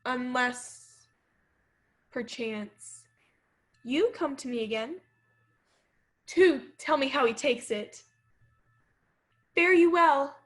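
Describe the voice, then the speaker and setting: A woman's voice: high-pitched, drawn-out words, long pauses. A woman acting a proud young countess, speaking Shakespearean lines in an arch, teasing way. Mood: cool. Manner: arch, teasing verse delivery. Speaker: actor.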